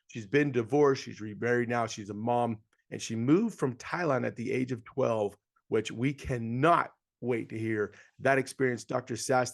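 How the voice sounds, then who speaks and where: A man hosting a podcast interview, upbeat and enthusiastic, sometimes rushing through his words. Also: mid-range voice, vocal fry. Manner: upbeat, enthusiastic, with bursts of speed. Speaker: podcast host.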